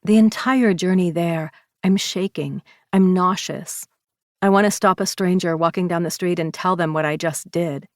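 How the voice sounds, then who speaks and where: A woman's voice: on the low side, steady tone, moderate pace, no room sound, clean studio sound. A woman narrating an audiobook in first person, with a confessional, emotional delivery.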